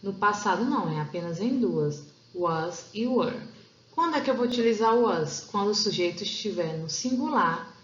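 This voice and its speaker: A Portuguese-speaking woman teaching an English grammar lesson over slides, explaining step by step and slowing down to read example sentences. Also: medium pitch, expressive. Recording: roomy, dull lo-fi sound.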